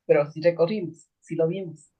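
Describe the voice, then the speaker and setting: A woman student speaking calmly and in a measured way in an online class. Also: deep voice, highs cut off.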